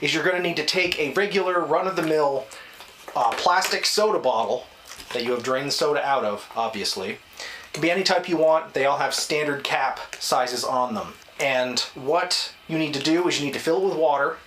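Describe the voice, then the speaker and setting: A man's voice: fairly high pitch, normal speed, fairly bright tone, echoey room, slight background noise. A man talking casually to camera in a small bathroom as a video host, with a wry, self-deprecating, mildly sarcastic manner. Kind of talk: casual vlog talk to camera.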